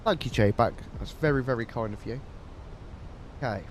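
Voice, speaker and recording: A flight simulator livestreamer chats casually while flying, friendly and talkative, thanking viewers by name. His nose is stuffed up from a cold, his mid-range voice moves at a moderate pace, and there's slight background noise.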